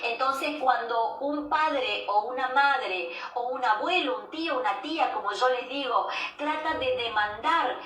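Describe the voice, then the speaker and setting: A woman giving a devotional sermon as a preacher, measured and repeating key phrases for emphasis. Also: sits high, sharp tone. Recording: roomy echo, distant mic, faint background noise.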